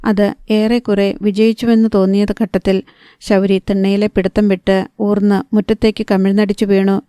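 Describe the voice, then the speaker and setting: Calm, even-toned woman narrating a novel. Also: medium pitch, moderate pace, clear, resonant tone, no echo, clean studio sound. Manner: calm, steady storytelling. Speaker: audiobook narrator.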